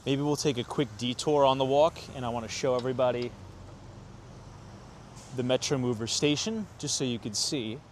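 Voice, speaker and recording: A man's voice: mid-range voice, normal speed. A man hosting a walking tour vlog, chatting casually to his viewers as he goes. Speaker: tour vlogger. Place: outdoors in a city and on a train platform. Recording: city and train noise behind.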